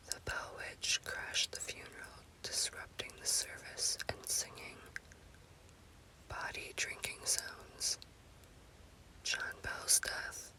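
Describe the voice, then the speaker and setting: A woman tells a spooky story in a breathy, unvoiced ASMR whisper, choosing her words with deliberate care. Her tone is sharp, and the recording quality is low.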